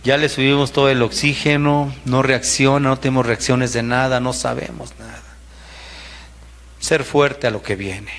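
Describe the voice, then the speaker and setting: A man voicing a grave, calm male doctor giving hard news, subdued and measured. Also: medium pitch, pitched below the performer's own voice, natural voice.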